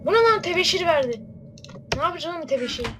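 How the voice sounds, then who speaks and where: A high-pitched woman chatting through a horror game as a let's player. She is excitable and jokey and swears casually, with a faint hiss of noise under her voice. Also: fast talker. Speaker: let's play gamer. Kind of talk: casual gaming commentary.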